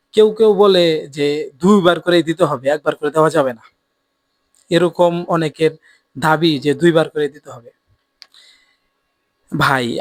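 A man's voice: a little high, dry recording. A man, giving an earnest religious lesson and repeating his points for emphasis. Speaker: Islamic preacher. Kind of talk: religious teaching talk to camera.

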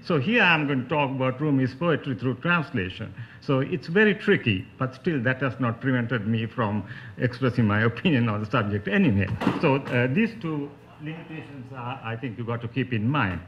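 A man with a Sri Lankan accent gives an academic panel talk. His voice sits at a medium pitch, and he explains things in a scholarly way. The recording is a little muffled and lo-fi. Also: expressive, normal speed, slight background noise. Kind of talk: spoken academic lecture.

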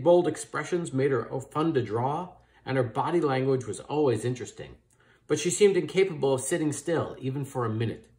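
A man who co-wrote a children's book series, reading it aloud in an upbeat, expressive storytelling manner. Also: medium pitch. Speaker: book co-author.

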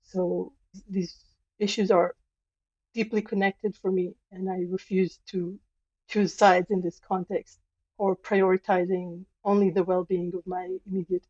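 A woman historian answering interview questions in an earnest, measured, emphatic way. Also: fairly low pitch, mellow, no room sound, lo-fi sound. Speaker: guest, historian professor.

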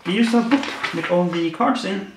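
A man's voice: high-pitched, a little fast. A man hosting a casual unboxing video, making wry puns about each card, with his voice echoing around a bare, unfurnished apartment room. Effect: echoey sound from a bare, unfurnished room. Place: new apartment, not yet furnished, indoors. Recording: echoey bare room, faint noise.

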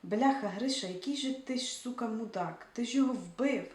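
A woman voicing a panicky, indignant young man who swears and shouts in exasperation, read aloud from a book. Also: mid-range voice, a little fast, close to an everyday voice. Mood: exasperated. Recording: roomy echo, distant mic, faint hiss.

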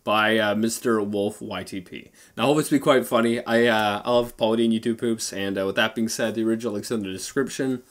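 A man's voice: lowish voice, fairly even intonation, brisk, few pauses. A man, giving casual commentary as a reaction video host. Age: 20s. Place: small room indoors.

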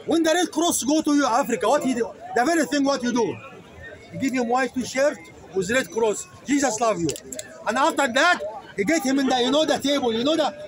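A man preaching fiercely to an open-air crowd in halting non-native English, calling his listeners "brother" and searching aloud for words. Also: very high-pitched, rough recording. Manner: fiery, emphatic, calls listeners "brother". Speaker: street speaker debating a crowd. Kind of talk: open-air soapbox debate. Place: outdoor public speaking area in a city. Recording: outdoor crowd noise. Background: crowd of listeners around him.

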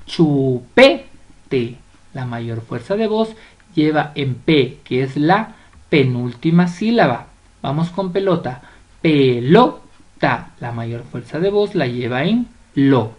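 Slow, lively Ecuadorian woman teacher. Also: deep voice. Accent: Ecuadorian Spanish. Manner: stretches out example words syllable by syllable, checks understanding. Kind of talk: slow classroom explanation.

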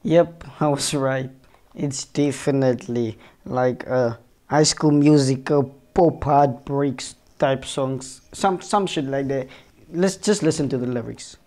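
Mellow, rambling music reaction streamer. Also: medium pitch, takes it slowly. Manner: rambling, profane, thinking aloud and unsure. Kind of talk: casual reaction commentary.

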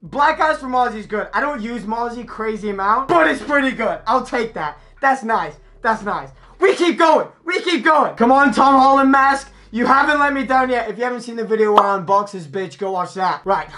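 Excitable, foul-mouthed young man. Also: very high voice, fairly quick, few pauses. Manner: loud, crude, excitable, swears a lot. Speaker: gaming YouTuber. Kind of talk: excited pack-opening commentary.

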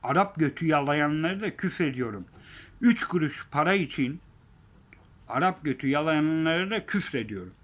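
A man in a heated, profane rant, repeating himself and swinging between loud outbursts and low mutters. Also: animated, moderate pace. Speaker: vlogger. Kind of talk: angry ranting monologue.

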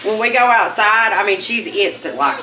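A woman's voice: medium pitch, animated, normal speed. A woman, chatting casually about family while cooking at home. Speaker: vlogger's wife and mother. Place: home kitchen, indoors. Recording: echoey, noisy kitchen.

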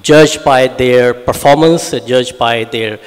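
A man's voice: medium pitch, takes it slowly, smooth. A man answering as a panelist on a conference stage, formal and hesitant with frequent fillers, into a handheld mic. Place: large conference hall stage. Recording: reverberant hall.

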